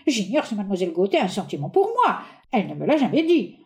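Haughty exasperated gentleman, read by a woman. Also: medium pitch, wildly swooping pitch, fast. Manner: condescending, sharp, exclamatory. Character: indignant middle-aged gentleman, haughty and exasperated. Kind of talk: reading a stage play aloud.

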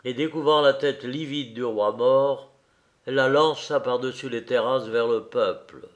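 A man reads a story aloud in a measured, deliberate manner, taking his time over every phrase. His voice sits at an ordinary middle pitch. The pace is slow and unhurried throughout. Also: fairly even intonation. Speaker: narrator. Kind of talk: scripted storybook narration.

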